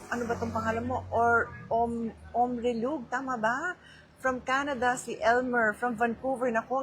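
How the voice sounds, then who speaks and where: A woman's voice: on the high side, a bit bright, poor audio. Chatty Filipino woman hosting a phone livestream. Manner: chatty, mixes English into Filipino, greets viewers by name. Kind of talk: casual live chat, greeting viewers. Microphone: handheld phone.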